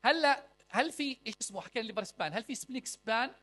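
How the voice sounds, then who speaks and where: A man's voice: very high voice, animated, rapid-fire, bright, forceful tone. A young man teaching a clinical medicine class, quizzing students with rhetorical questions and mixing in English medical terms. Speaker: medical lecturer.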